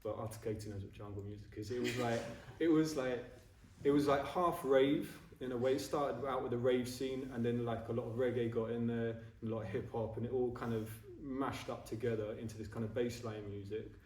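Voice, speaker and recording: A man's voice: mid-range voice, fairly even intonation, brisk, a little mellow, slight background noise. A man in his forties giving a casual, self-mocking Buddhist talk to a group, often checking in with his listeners. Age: 40s. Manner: chatty and self-mocking, keeps checking in with "yeah?". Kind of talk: informal dharma talk to a group. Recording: roomy echo, voice from a distance.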